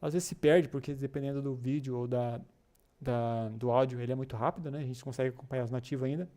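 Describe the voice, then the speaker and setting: Chatty man with a mellow voice. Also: medium pitch, steady tone, quick pace. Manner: chatty, encouraging, many filler tags and restarts. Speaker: English class host for a developer community. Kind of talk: casual live-stream lesson reading chat comments.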